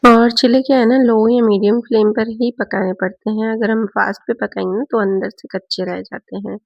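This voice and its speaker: A hoarse woman from Rajasthan, India, talks through her cooking in a chatty home-vlog voice-over. Her voice has a gravelly edge and a mid-range pitch. The recording is dry and a little dull and lo-fi. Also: level tone, a little fast, no room sound. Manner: chatty, explains each cooking step. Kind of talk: casual voice-over narration.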